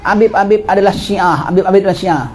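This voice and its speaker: A middle-aged man giving a religious lecture, telling history in a lively way and asking and answering his own questions. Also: high-pitched, fast, slight background noise.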